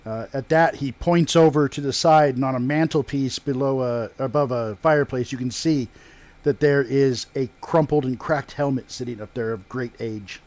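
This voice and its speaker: Male game master for fantasy tabletop session, medium pitch, narrating character actions. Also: fairly even intonation, normal speed, darkish tone.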